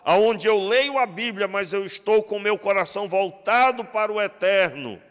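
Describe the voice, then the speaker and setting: A man's voice: high voice, lively intonation, moderate pace, fairly bright tone, clear, resonant tone. A Brazilian pastor with a Rio de Janeiro accent preaching a conversational sermon, acting out quoted dialogue and putting questions to his congregation. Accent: Brazilian Portuguese, Rio de Janeiro. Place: church hall. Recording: long reverb of a church hall.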